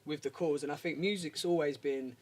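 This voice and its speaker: Quick-talking laid-back male host. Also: on the high side, a little mellow. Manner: laid-back, says man and do you know what I mean. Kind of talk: casual interview.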